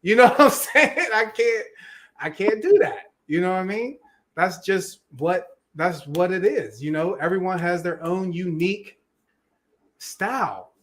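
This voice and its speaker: A man's voice: high voice, expressive, measured pace. A man, talking casually and animatedly, repeating himself as he makes his points on a video call. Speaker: podcast co-host.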